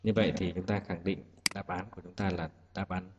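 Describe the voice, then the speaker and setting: Low-voiced male teacher, echoey hissy room. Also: steady tone, fairly quick, lo-fi sound. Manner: patient step-by-step explaining. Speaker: English teacher. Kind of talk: exam-prep lesson. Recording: echoey room with loud hiss.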